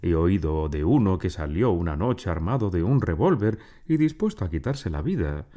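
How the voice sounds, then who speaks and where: Deep-voiced man reading a novel aloud. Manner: measured, expressive storytelling. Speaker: narrator. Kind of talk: audiobook reading of a literary novel.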